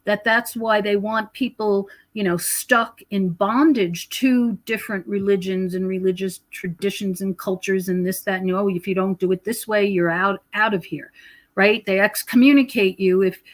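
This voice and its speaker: Her voice is mid-range and steady, moving at normal speed, as this podcast guest, an author and researcher of prophecy, lays out her spiritual beliefs in a conversational interview. She comes across as emphatic and preachy, often repeating words and checking in with whoever's listening.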